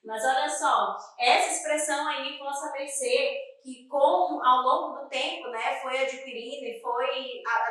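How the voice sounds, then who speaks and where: A young woman from Northeast Brazil, speaking Portuguese with a Northeastern Brazilian accent, teaches an exam-prep lesson in an explanatory way. Her voice sits high and a bit bright, and she checks in with "tá?" after nearly every point. The audio is poor, with heavy reverb and the mic far away.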